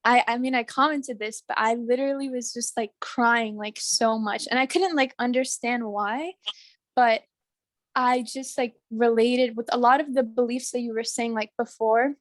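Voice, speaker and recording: A young woman student sharing her personal story on a video call, halting, full of fillers, and emotional. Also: on the high side, steady tone, no room sound. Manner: halting, heavy on fillers, tearful at moments.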